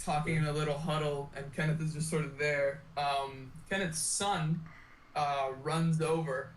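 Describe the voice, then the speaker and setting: A man's voice: on the high side, steady tone, a little slow. A young man narrating as game master of a tabletop game, casual and playful. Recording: distant mic, roomy echo, faint noise.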